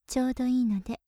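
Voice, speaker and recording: A young woman plays a playful young maid who teases her master in a polite, coaxing voice, in a whispered role-play. Her voice sits a little high but sounds mellow and warm, with soft breathy giggles. It is recorded close up and dry, with no room sound. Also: no room sound.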